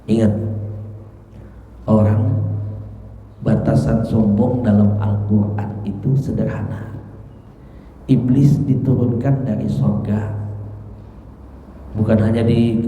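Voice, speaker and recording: A man's voice: mid-range voice, mellow. Man preaching in an echoey mosque. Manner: acts out the voices of people he quotes, slips into Arabic recitation. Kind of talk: sermon teaching a classical text. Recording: echoey mosque hall, dull sound, faint hiss.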